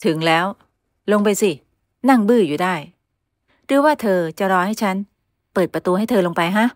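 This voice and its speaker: A woman's voice: medium pitch, expressive, moderate pace, dry recording, clean studio sound, close to an everyday voice. A woman voicing an irritable, curt young rich man. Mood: irritated. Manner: curt, grumbling.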